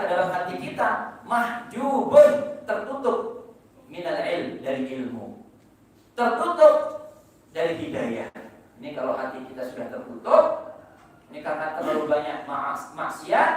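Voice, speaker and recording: A man's voice: high-pitched, lively intonation, normal speed. A man preaching in a mosque, chanting Arabic phrases and explaining them with rhetorical questions. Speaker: religious teacher. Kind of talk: mosque sermon. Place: mosque hall. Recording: echoey mosque hall from far off.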